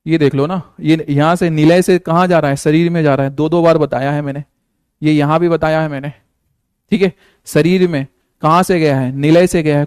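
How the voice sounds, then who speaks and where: A male teacher runs a live online lesson, firing quick questions at his students and teasing them playfully. His voice sits a little high and comes through smooth and crisp, recorded close and dry with no room sound. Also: darkish tone, no echo. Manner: coaxing, repetitive questions to students; playful, jokes with pupils. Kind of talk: live online class lecture.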